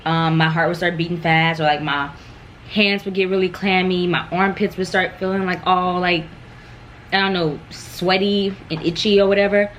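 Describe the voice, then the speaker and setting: A woman's voice: on the low side, steady tone, moderate pace, fairly bright tone, a little hiss or hum. A young American woman chatting casually and candidly about herself, rambling and circling back over her phrases as a vlogger. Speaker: mukbang vlogger. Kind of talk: casual personal chat.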